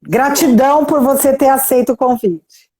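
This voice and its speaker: Recorded roughly, this high, husky, dark-toned woman's voice moves at a normal speed. She speaks with a Brazilian Portuguese accent as the effusive, talkative host of a live interview over video call, peppering sentences with "né?" tags in a warm, conversational way.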